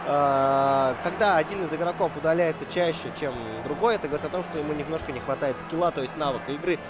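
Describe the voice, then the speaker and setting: A man with a voice on the high side gives quick-paced, conversational and analytical live commentary on esports hockey, hesitating often. The sound is lo-fi, recorded in a noisy venue with crowd noise behind him.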